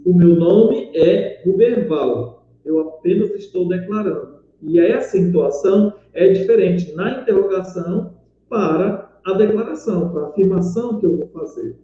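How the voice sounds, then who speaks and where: A man teaching a grammar lesson, explaining step by step and checking in often with his students. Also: high voice. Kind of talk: recorded online grammar lesson. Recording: very echoey, dull lo-fi room recording.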